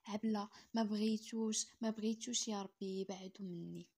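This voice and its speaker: A young bride begs through her tears in a soft, husky Moroccan voice, as a woman narrating puts her on. She pleads rapidly and breathlessly. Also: on the high side, fairly even intonation. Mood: sobbing. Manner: tearful, pleading.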